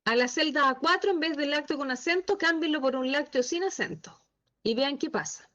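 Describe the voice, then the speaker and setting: Female instructor, high voice, patient step-by-step teaching, slightly muffled call audio. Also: animated, fairly quick, fairly bright tone. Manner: patient, asks the class checking questions. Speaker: Excel instructor. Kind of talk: online class teaching. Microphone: video call.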